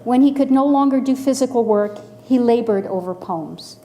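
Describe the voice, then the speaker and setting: A woman in her sixties from the Los Angeles area, telling a personal story in a measured, dryly humorous way. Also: a little high, warm tone, a little hiss or hum. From Los Angeles area, USA.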